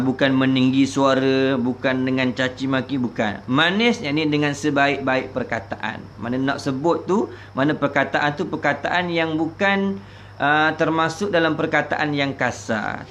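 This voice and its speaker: A man with a Terengganu Malay accent teaching from a religious book, explaining slowly and repeating key phrases with many filler sounds. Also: on the high side, a bit bright, a little hiss or hum.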